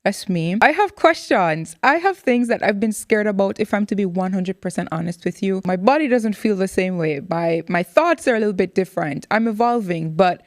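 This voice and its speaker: Woman host, 30s, animated and expressive, dry close sound. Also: medium pitch, moderate pace, few pauses, no room sound. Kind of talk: candid interview chat.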